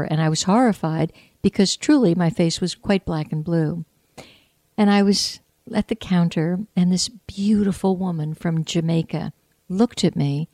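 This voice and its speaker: A woman hosting a spiritual, inspirational talk, speaking in an earnest, heartfelt and measured way. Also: on the low side, darkish tone, dry recording. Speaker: host.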